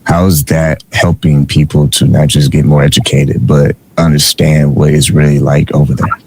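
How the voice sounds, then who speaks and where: Male host, extremely low and monotone, halting questions, faint noise behind. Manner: fumbling, many uh fillers. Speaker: interviewer, host. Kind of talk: interview questions.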